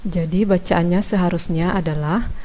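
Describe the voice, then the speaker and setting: A woman teaching Quran recitation from Indonesia, explaining letter sounds slowly and demonstrating them. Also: on the low side, fairly even intonation, dark tone. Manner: slow, measured, demonstrating sounds. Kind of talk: instructional explanation.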